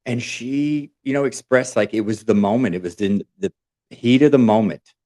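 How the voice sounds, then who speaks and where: A man co-hosting a podcast, retelling a story in an animated way with acted-out quotes. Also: medium pitch, normal speed. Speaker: podcast co-host.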